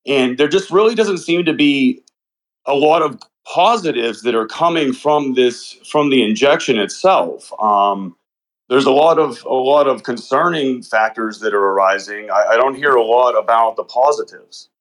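A man calling in to a live show, eager and a little rushed. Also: mid-range voice, rough recording. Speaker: caller. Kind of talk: call-in chat.

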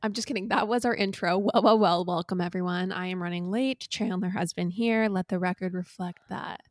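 A woman co-hosting a podcast in casual chat, talking eagerly and pitching products with enthusiasm. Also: fairly even intonation, fairly quick, no echo, clean studio sound. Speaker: podcast co-host.

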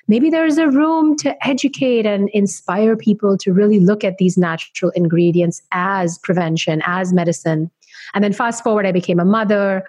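Woman from india explaining stuff on a podcast call, clear and articulate, dry sound. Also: lowish voice, darkish tone, dry recording. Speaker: guest, health educator. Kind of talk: interview answers. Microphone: remote call.

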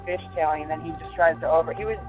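A man's voice: fairly high pitch, steady tone, quick pace, faint music behind. A man in his twenties telling a story in a loose, rambling way, full of fillers, heard over the phone. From Virginia, USA. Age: 20s. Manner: loose, rambling, many fillers like "like" and "you know". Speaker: interviewee, professional surfer. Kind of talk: casual storytelling interview. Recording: tinny phone line.

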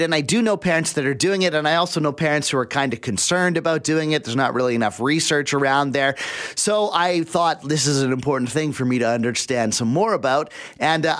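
A man's voice: a little high, fairly bright tone, no echo. Male radio interviewer, casual and chatty, dry close studio sound. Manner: casual, uses "like" often.

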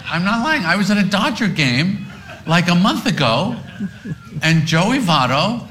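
A man guesting on a talk show, with a high-pitched voice, tells a story in a playful, insistent way. The clip plays back with a clear hiss and a few clicks underneath. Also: very animated, measured pace. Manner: playful, insistent, laughing while telling a story. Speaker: comedian guest.

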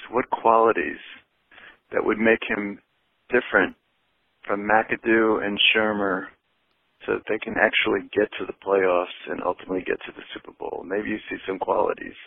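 This is a man's voicemail played over a tinny phone line, low and gravelly in tone. He is a caller leaving a question for a sports talk show, speaking in halting phrases. The sound is dry and close. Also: no echo. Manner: halting, pausing between phrases. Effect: recorded phone voicemail.

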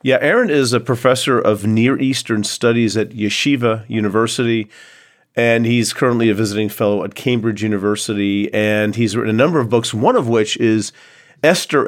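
A man with a lowish voice co-hosts a podcast. His chat is casual and wry, with a joking way of putting things. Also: a little fast. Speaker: podcast co-host.

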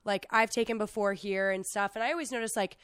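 Casting: American woman around thirty, sick hoarse voice, animated casual storyteller, close dry sound. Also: mid-range voice, fast, no echo. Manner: animated storytelling with many fillers of "like". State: sick, hoarse, losing her voice. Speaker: podcast host. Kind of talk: casual chat, telling a travel anecdote.

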